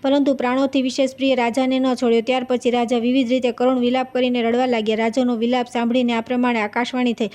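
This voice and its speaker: A woman recites a devotional scripture story in an even, unhurried reading tone. Her voice sits a little high yet sounds soft and mellow, and she keeps an almost level pitch from phrase to phrase, slipping now and then on a word. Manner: steady recitation, occasional stumbles and fillers. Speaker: scripture reader.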